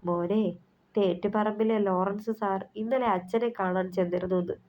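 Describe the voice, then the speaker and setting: A woman's voice: medium pitch, steady tone, normal speed, slight background noise, natural voice. A woman voicing an older mother who presses her family about a marriage proposal, in a persuasive, motherly way. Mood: urging. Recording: slightly muffled recording.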